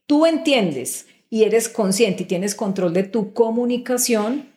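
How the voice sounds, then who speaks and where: A woman's voice: fairly high pitch, expressive, slow, warm tone. A middle-aged woman, a guest executive explaining her views in a conversational interview and often checking in with the listener.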